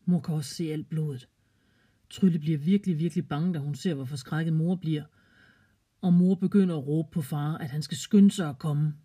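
A storyteller narrating a children's story in a calm, gently expressive way. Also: mid-range voice, breathy edge.

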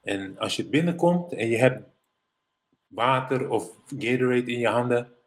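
A middle-aged man from the Netherlands, a former professional basketball player, telling animated anecdotes as an interview guest. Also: medium pitch, a little slow. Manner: animated anecdotes, mimics others in English quotes. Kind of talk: casual storytelling interview.

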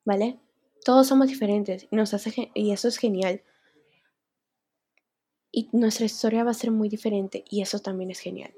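A woman's voice: mid-range voice, fairly even intonation, normal speed, pauses often, dark tone, husky. A young woman talking candidly and emotionally in an unscripted personal vlog, sometimes close to tears. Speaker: vlogger.

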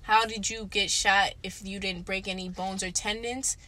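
A woman's voice: mid-range voice, fairly even intonation, normal speed, bright, forceful tone. A woman co-hosting a casual podcast chat, speaking in a blunt, emphatic and slangy way with plenty of swearing. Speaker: podcast co-host.

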